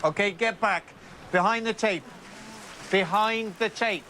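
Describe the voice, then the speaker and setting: Officious, very high-voiced man. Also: a little slow, pushed and bright, a little hiss or hum. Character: officious, bossy man controlling a cordon. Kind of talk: television drama acting.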